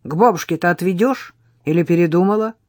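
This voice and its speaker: Blunt grumpy boy, lowish voice, storybook reading by a woman, dry sound. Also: fast, darkish tone, no echo, lightly acted. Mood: gruff. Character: wary, gruff young boy, older brother.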